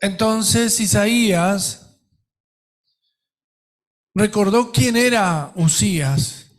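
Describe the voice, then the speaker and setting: A middle-aged man with an Argentine Spanish accent, preaching a sermon as pastor with emphatic delivery and dramatic pauses. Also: high-pitched.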